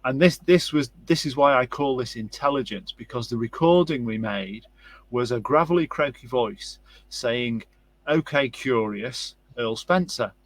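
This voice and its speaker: Man, interview host, mid-pitched voice, rambling, lots of affirming yeahs. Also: normal speed. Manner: rambling storyteller, frequent affirmations. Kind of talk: casual interview.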